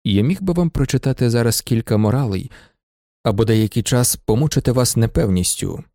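A cool, sardonic merchant who speaks low and unhurried, with a dark gravelly tone, as a male narrator voices him. Dry close sound with faint music underneath. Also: no echo, close to an everyday voice.

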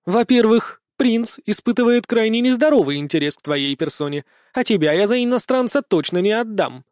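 A man's voice: high-pitched, animated, moderate pace, a little mellow, no room sound, clean studio sound, pitched above the performer's own voice. A man voicing a strict, commanding aristocratic mother who speaks in a stern, condescending way in an audiobook. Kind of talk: audiobook character voice.

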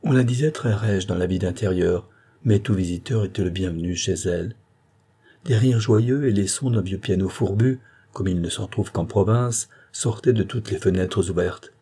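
A man reading a classic novel aloud in a calm, measured narration. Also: low-pitched, breathy edge. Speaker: audiobook narrator. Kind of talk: scripted narration.

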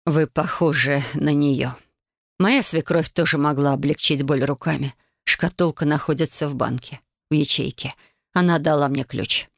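A woman voicing a slow, anxious old-fashioned mother. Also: deep voice, fairly even intonation, gravelly, dry recording, clean studio sound. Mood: solemn. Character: worried middle-aged mother, frail heart, anxious.

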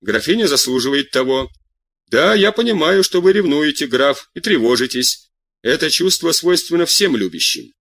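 A man's voice: a little high, animated, moderate pace, fairly bright tone, no echo, pitched above the performer's own voice. A man voicing a jealous, imperious queen who speaks drily and with irony. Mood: sharp. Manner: dry, ironic.

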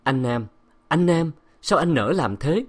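A fragile young wife, pitched high above the reader's usual voice, as a male narrator puts her on. She calls out in a faltering, anguished way. Storybook audiobook reading. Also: a little slow, mellow, lightly acted.

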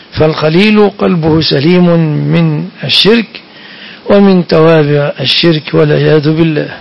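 A man's voice: a little high, creaky. A man giving a sermon-style Quran commentary, quoting verses and repeating phrases for emphasis. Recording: dull lo-fi recording.

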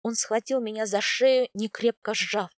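A woman reading a first-person audiobook with expressive, emotional storytelling. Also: a little high, moderate pace, no echo, studio quality. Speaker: audiobook narrator.

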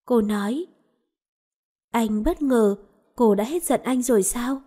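A woman reads a romance novel aloud in calm, even storytelling. Her voice is mellow and sits a little high. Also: slow pace. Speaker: audiobook narrator. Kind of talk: scripted narration of a romance novel.

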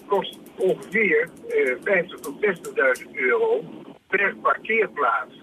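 A man's voice: a little high, animated, measured pace, pushed and bright, a little hiss or hum. A man calling in to a radio show over a phone line, explaining things step by step in a matter-of-fact way. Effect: heard over a phone line. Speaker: caller.

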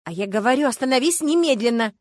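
A woman's voice: a little high, expressive, fast, darkish tone, no room sound, pitched above the performer's own voice, natural voice. A woman reading an audiobook, voicing an anxious middle-aged woman who scolds and pleads with her reckless friend. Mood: scolding, alarmed.

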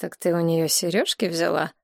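A woman voicing a surly, bossy young male thug in an audiobook, speaking curtly and gruffly. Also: fairly low pitch, steady tone, moderate pace, no echo, clean studio sound. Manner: gruff, curt commands.

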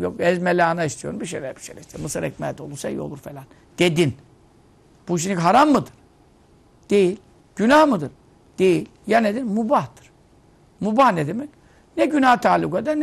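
A man's voice: high voice, vocal fry. A man giving an informal Ramadan sermon, joking and scolding his listeners through anecdotes. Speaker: preacher.

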